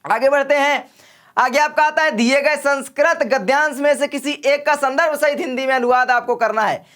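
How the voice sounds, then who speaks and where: Man, young, high voice, sore throat, friendly exam coaching, direct. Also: normal speed, a bit bright. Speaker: exam-prep teacher. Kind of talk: casual exam coaching lesson.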